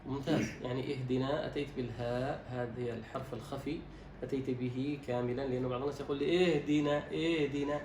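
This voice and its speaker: A man teaching Quran recitation, quizzing his student and drawing out words slowly to demonstrate them. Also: mid-range voice, fairly even intonation. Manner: instructive, quizzes and demonstrates slow drawn-out words. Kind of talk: recitation lesson, correcting a student. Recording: roomy echo, distant mic, faint noise.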